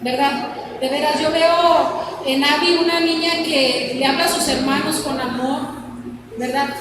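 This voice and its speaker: High-voiced woman preaching. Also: steady tone, measured pace. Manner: earnest, exhorting, addresses congregation as "mis hermanos". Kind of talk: sermon. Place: church hall. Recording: echoey church hall mic from far off with noise.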